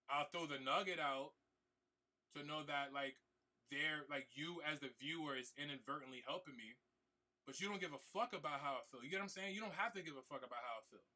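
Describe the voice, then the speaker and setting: A man's voice: a little high, bright, forceful tone. A man streaming a game who talks earnestly and emotionally to his viewers, repeating himself, using casual slang and swearing, and trying not to cry. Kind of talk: heartfelt talk to stream viewers.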